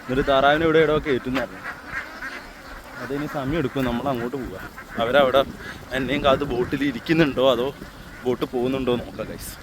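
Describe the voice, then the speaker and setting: A man with a Kerala accent narrating a casual, excited outdoor vlog, mixing English slang into his Malayalam and repeating catchphrases. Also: mid-range voice, quick pace, long pauses, a crowd in the background. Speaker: vlogger. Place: outdoors, in a small boat on water.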